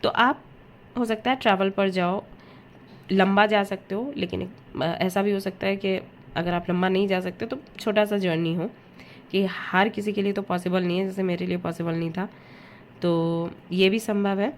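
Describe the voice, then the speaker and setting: A woman's voice: medium pitch, fairly even intonation, moderate pace, slight background noise. A woman giving a casual tarot reading. She speaks straight to the listener and slips English words into her talk. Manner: chatty, addresses viewer directly, mixes English words into Hindi. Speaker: tarot reader.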